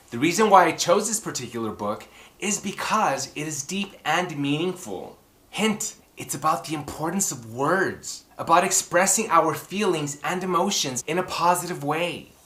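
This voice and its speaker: Reading children's books aloud in an echoing room, this man plays an animated story-time host, theatrical and full of exclamations aimed right at young listeners. His voice is a little high and a bit bright.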